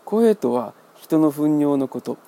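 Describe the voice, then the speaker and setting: A man hosting a radio book talk, explaining in a wry, measured way. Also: fairly high pitch, animated, creaky, dark tone. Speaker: radio host.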